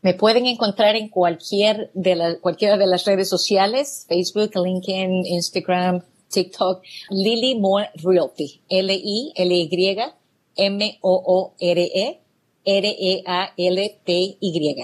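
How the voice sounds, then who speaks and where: Slow and steady, a medium-pitched woman from El Salvador speaks as an interview guest. She owns a real estate business and responds in an earnest, grateful manner.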